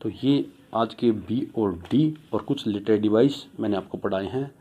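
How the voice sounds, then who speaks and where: A man's voice: on the low side, moderate pace, dark tone. A man teaching English pronunciation in a tutorial. He mixes Hindi and English, asks his own questions, answers them, and repeats key words. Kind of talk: classroom-style tutorial.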